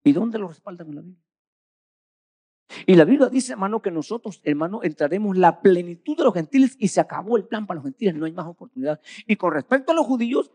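A male preacher in full sermon flow, voice set a little high and leaping up and down in pitch. He swings between loud bursts and near-whispered drops, with a dry, close sound. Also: slightly rough, dry recording. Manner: animated storytelling with frequent "hermano".

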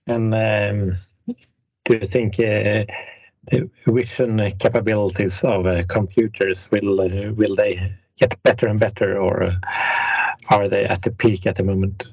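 A man hosting an interview, asking measured questions. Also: lowish voice, flat delivery, darkish tone, slightly rough, no echo, muffled recording. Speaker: host.

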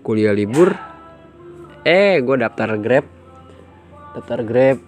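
A man's voice: mid-range voice, expressive, takes it slowly. Young man, rambling slangy storyteller, faint music underneath. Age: young adult. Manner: rambling, slangy, self-mocking. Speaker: vlogger telling his life story. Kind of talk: casual storytelling in Jakarta slang.

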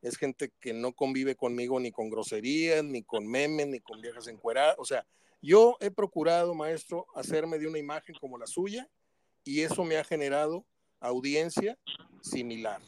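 A radio host in his sixties talks in a somewhat high voice. He is effusive and flattering, but he addresses his guest formally. His voice is recorded close and dry, with no room sound. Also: normal speed, no echo. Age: 60s. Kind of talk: radio interview.

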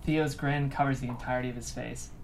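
Reading stage directions from a screenplay at a table read, this narrator talks fast with fairly even intonation in a gravelly, mid-pitched voice. The audio is poor, with faint background noise from the room.

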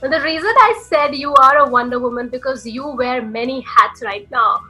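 A woman with a high, bright voice hosts a podcast interview and talks her guest up with eager, gushing warmth. She speaks with a ringing, forward tone over faint background music. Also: normal speed, low-quality recording. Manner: enthusiastic, effusive introductions. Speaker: podcast host.

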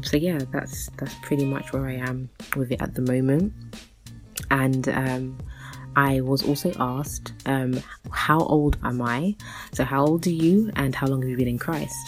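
A woman in her thirties with a rumbling low, darkish voice hosts a solo podcast. She chats casually and rambles, using lots of fillers and restarting her sentences often.

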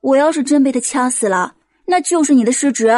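A woman's voice: sits high, fairly quick, a little mellow, no room sound. A woman voicing a young woman victim, scolding with tears in an audio drama. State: crying. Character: young woman victim, tearful and sharp-tongued.

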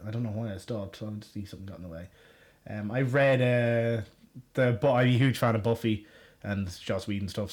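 A man in his early thirties speaks in a fairly low voice with a west of Ireland accent. He chats casually as a solo podcast host, wandering informally from one thought to the next. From Galway, west of Ireland. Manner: rambling, informal. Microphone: condenser shotgun mic.

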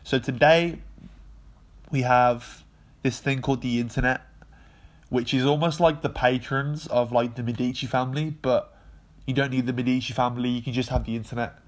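A man talks through history in a loose, meandering way, his voice stuffy and nasal from a cold. His pitch sits in an ordinary middle register and barely moves. He leans on fillers and lets a swear word slip now and then. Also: steady tone, moderate pace. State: congested from a cold. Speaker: video essay host. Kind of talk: casual explanatory monologue.

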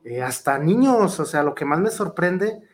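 A man's voice: on the high side, animated, measured pace. A man with a Mexican accent, a professional wrestler answering interview questions in an earnest, rambling way full of fillers and restarts.

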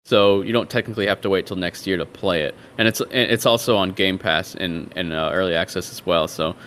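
A man's voice: low voice, brisk, a bit bright. A man hosting a casual game podcast, upbeat and teasing as he runs through the topics. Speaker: podcast host. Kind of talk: casual panel chat.

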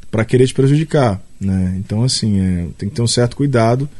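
A man's voice: mid-range voice, fairly quick, a little mellow. A man from Minas Gerais, a comedian guest in casual chat, his Minas Gerais accent mixed with São Paulo. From Minas Gerais, Brazil.

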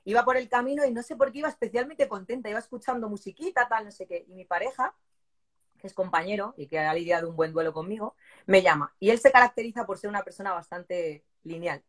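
A woman in her forties from southern Spain, telling an interviewer her personal story with strong feeling and lively quoted voices. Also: mid-range voice, fast. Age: 40s. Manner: animated, moved, voicing people in her story. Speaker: interviewee, police exam candidate.

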